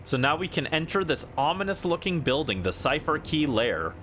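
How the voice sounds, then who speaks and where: A man's voice: on the high side, big pitch swings, normal speed, fairly bright tone, a little hiss or hum. A man streaming a video game with casual, playful commentary. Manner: playful, voices game characters aloud.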